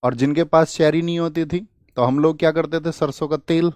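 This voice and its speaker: A man's voice: on the high side, fairly even intonation, fairly quick, a little mellow, no room sound. A young man teaching an online exam-prep class, asking his students questions and answering them himself, repeating key words to make them stick. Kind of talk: online lecture with memory tricks.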